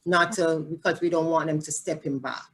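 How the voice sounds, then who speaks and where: A woman with a Jamaican accent, a family support specialist answering interview questions in an earnest, halting way, often rephrasing herself. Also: deep voice, steady tone, husky.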